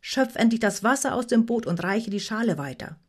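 A woman's voice: low voice, takes it slowly, slightly rough, full character voice. A woman doing a fierce scolding Viking rower. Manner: sharp, scolding, barking commands. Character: fierce, fiery young Viking rowing woman.

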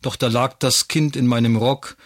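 A young mother earnestly recounts her labor in the first person, as a man reads her lines in a story. The voice stays in a middling pitch, close to the mic in a dry room. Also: fairly even intonation, normal speed, dry recording, natural voice. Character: young woman recalling giving birth. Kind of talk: read-aloud story.

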